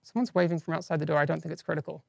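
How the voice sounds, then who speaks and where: A man's voice: on the high side, flat delivery, rapid-fire, vocal fry, a little mellow, no room sound. A man with a non-standard English accent hosting a live game-news stream, giving casual updates with chatty, self-deprecating asides. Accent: non-standard English accent, teased by viewers.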